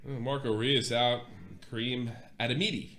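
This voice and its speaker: A man's voice: medium pitch, fairly even intonation, normal speed, fairly bright tone. A man with a North American accent hosting a football stream, chatting casually and commentating loosely in colloquial, mildly sweary language. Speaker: host of a football watch-along stream.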